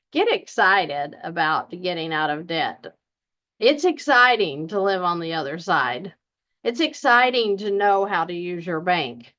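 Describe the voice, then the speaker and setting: A woman's voice: medium pitch, a bit bright, lo-fi sound. A woman with a Southern US accent, a debt coach giving folksy, emphatic advice straight to her viewers. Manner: folksy, emphatic, deliberately slow. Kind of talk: casual direct-to-camera advice.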